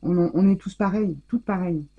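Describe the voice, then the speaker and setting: A woman's voice: fairly low pitch, fairly quick, breathy edge, highs cut off. A woman hosting a casual scrapbooking vlog, effusively gushing over the handmade gifts she unwraps. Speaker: scrapbooking channel host. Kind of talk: casual mail-opening vlog.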